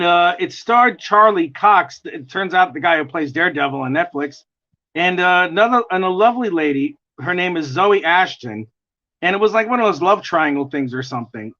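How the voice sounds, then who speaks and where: An American artist with a New York accent chats while drawing on a livestream, rambling and chuckling often. His voice is gravelly yet high-pitched, with a bright, forceful tone. The stream audio is dull and lo-fi.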